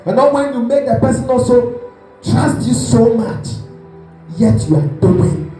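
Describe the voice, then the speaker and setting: A high-voiced male pastor preaches with lively storytelling and acts out the people in his story. His mellow voice rings through a very echoey hall. Music plays softly behind him. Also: a little slow. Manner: animated storytelling, acts out voices, asks the congregation questions. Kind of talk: sermon.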